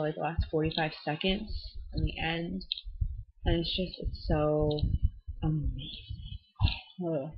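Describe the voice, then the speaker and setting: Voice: mid-range voice, husky. A young adult with a Minnesotan accent who talks in a casual, rambling way, full of "um"s and "like"s, reviewing albums to a built-in webcam. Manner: enthusiastic, rambling, many "um"s and "like"s. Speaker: vlogger reviewing music albums. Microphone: built-in laptop webcam. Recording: dull lo-fi webcam audio.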